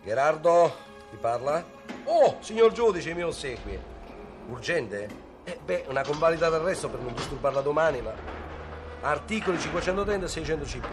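A man's voice: fairly high pitch, expressive, brisk, close to an everyday voice. An actor playing a sarcastic, overbearing male prosecutor who mocks the suspect he is questioning, in film drama dialogue. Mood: fawning. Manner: sneering, bullying, mock-polite on the phone. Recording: film soundtrack with music underneath.

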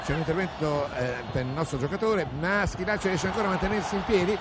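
A man with an Italian accent giving live football play-by-play, with excited goal commentary that surges at shots. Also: high voice, fast talker. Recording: noisy outdoor stadium recording.

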